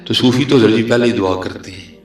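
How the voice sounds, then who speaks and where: A man preaching a sermon and telling a story dramatically, swinging between loud declaiming and hushed tones. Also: medium pitch. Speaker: religious preacher. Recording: roomy echo, faint music.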